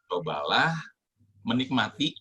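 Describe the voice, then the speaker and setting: A man who works as a comedian chats casually and pokes fun at himself, his voice swinging up and down. He plays both sides of remembered banter with friends. A clear hiss of noise sits under the recording. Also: fairly low pitch, sing-song, unhurried, bright, forceful tone. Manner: self-mocking, acts out both sides of quoted banter. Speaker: comedian guest. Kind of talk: casual advice chat.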